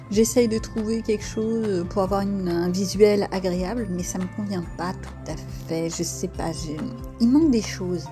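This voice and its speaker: A woman's voice: medium pitch, dark tone. A French-accented woman chatting casually through a crafting tutorial, self-deprecating and full of fillers. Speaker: crafting vlogger.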